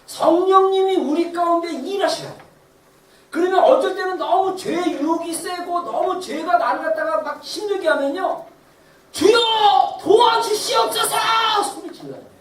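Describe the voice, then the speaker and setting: A pastor giving a Sunday sermon in a church sanctuary, telling stories with animated acted-out voices and frequent laughter. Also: extremely high pitch, moderate pace, a little hiss or hum. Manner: animated, acts out quoted voices; laughs while preaching. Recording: roomy echo, distant mic, faint ambience.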